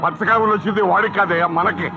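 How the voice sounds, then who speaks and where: An older man playing a stern father who scolds his grown son in a booming voice. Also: steady tone, rapid-fire. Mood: scolding. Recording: slightly dull film soundtrack with loud music.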